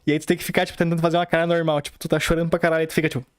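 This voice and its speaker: A man's voice: on the high side, flat delivery, rapid-fire, smooth, no echo, clean studio sound. A man with a Brazilian accent, hosting a podcast and telling a personal story in a rambling, slangy way full of fillers and acted-out dialogue. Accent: Brazilian Portuguese. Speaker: podcast host. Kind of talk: casual storytelling.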